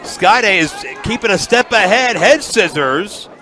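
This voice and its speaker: A man's voice: high voice, lively intonation, a little slow. A man doing play-by-play as a lucha libre announcer, calling the wrestling moves in clipped phrases. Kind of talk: lucha libre match commentary. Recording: loud noise around the commentary.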